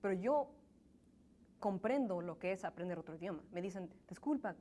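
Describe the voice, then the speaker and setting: Speaking as an interview guest, a young woman gives earnest, considered answers and frequently starts her sentences over. She grew up in the U.S. in a Mexican family, and English is her first language. Her voice is lowish, expressive and mellow at a moderate pace, over slight background noise.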